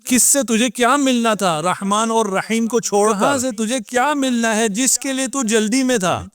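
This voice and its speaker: A man's voice: extremely high pitch, clean tone. A man, a cleric giving a sermon at a religious gathering and firing rhetorical questions at the audience. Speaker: Shia cleric.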